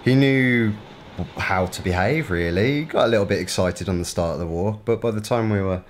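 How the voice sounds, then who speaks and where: A man's voice: fairly low pitch, brisk, slight background noise. A young man chatting casually to camera in a travel vlog. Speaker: travel vlogger.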